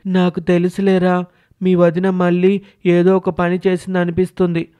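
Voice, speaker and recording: A man voicing a kind, earnest young village boy in a cartoon story, speaking loudly and with concern. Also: high voice, completely flat delivery, moderate pace, clean tone, voice pushed up, close to an everyday voice. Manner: coaxing, earnest, calling out.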